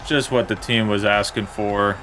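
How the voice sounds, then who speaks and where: Low-voiced man commentating his game. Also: normal speed, soft background music. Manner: plain, steady play-by-play with mild disappointment. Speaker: gaming commentator.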